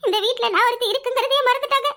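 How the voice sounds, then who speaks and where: A woman's voice: very high voice, rapid-fire, pushed and bright, exaggerated voice. A woman voicing a young married village daughter with a Kanyakumari Tamil accent, weepy and melodramatic, for a cartoon. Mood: alarmed. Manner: wailing, melodramatic laments. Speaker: daughter in a family quarrel.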